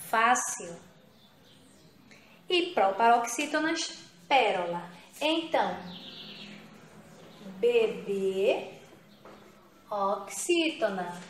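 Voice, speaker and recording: Slow, patient woman teacher. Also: fairly high pitch, a bit bright, a little hiss or hum. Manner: patient, repeats and checks with "tá?". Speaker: primary school teacher. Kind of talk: recorded remote grammar lesson. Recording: echoey room.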